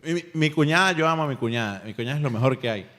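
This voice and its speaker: Energetic guy hosting a chatty podcast, kinda high pitched, laughs a lot. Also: rapid-fire. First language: Spanish. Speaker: podcast host. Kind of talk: casual podcast chat.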